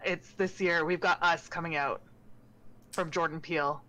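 A woman streamer in casual chat, talking with animated enthusiasm. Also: on the low side, normal speed, rough recording.

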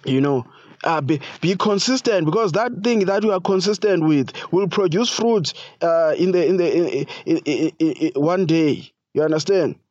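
Pastor man, casual halting sermon. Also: fairly high pitch, a little mellow, no room sound, muffled recording. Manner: halting, many fillers like "you know" and "you see"; casual preaching with slang.

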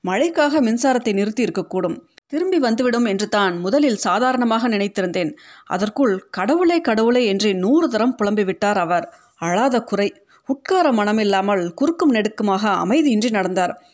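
A woman narrating a short story in an audiobook, reading in a steady, measured way. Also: mid-range voice.

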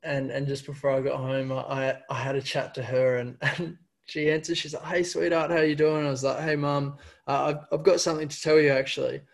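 Man, young, casual storytelling, flat pitch, stumbling repeated words. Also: vocal fry. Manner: halting, repeats words often.

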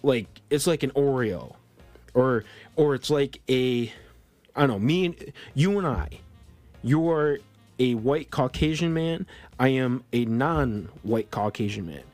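A man's voice: mid-range voice, animated, unhurried, a little mellow, no room sound, soft background music. A man born in Colombia co-hosting a podcast, talking politics in a casual, rambling way full of restarts and fillers. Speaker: podcast co-host.

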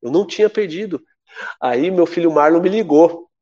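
A Brazilian man in his forties, a guest telling a story in a casual, lively way and acting out what people said. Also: normal speed, dull audio. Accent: Brazilian Portuguese. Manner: lively, acts out quoted voices with big pitch jumps. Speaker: podcast guest, former athlete.

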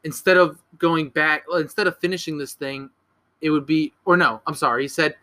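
A man's voice: a little high, fairly even intonation, normal speed, sharp tone. A young man casually recapping a horror movie on a podcast, rambling, swearing and correcting himself as he goes. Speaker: podcast co-host.

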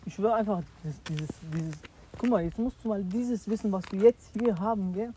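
A man's voice: high-pitched, normal speed, dark tone, a little hiss or hum, rough recording. A young man chatting casually with friends in slangy, repetitive street talk. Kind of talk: casual chat among friends.

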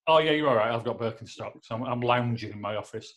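A man's voice: mid-range voice, quick pace, a bit bright. A man hosting a podcast from his home office, chatting casually and joking as he rambles with many fillers. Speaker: podcast host. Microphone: laptop.

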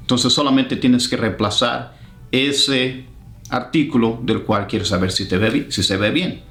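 A man hosting a casual language lesson, explaining phrases and repeating them slowly for learners. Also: mid-range voice, fairly bright tone, reverberant, soft background music. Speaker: English teacher and channel host.

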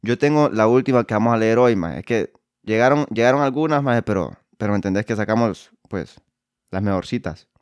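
A man's voice: on the low side, lively intonation, a little fast, dry recording, clean studio sound. A man, cracking crude jokes while he reads listener stories aloud in casual podcast chat. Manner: crude, joking, laughs often. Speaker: podcast co-host.

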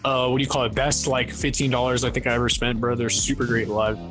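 A man's voice: mid-range voice, flat delivery, fast talker, over music. A man in his twenties chatting casually on a podcast, rambling and often stopping with "what do you call it". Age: 20s. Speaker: podcast guest. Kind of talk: casual chat.

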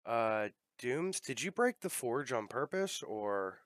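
A man's voice: mid-range voice, very animated, takes it slowly, no room sound. A man hosting a podcast, chatting casually while playing a game, swearing freely. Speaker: podcast host. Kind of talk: casual chat while gaming.

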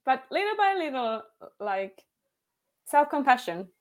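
A yoga teacher in her thirties with a Finnish accent guests on a podcast, speaking candidly in a casual interview chat, laughing often and saying "like" a lot. Her voice is high-pitched and sing-song at a measured pace, with a little hiss or hum.

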